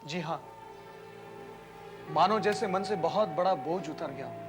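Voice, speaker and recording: A man's voice: fairly high pitch, takes it slowly, over music. An actor playing an emotional young man who begs to see the donor who saved his life, in a TV serial. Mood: pleading. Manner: pleading, emotional. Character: grateful young kidney recipient, emotional. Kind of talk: TV serial acting.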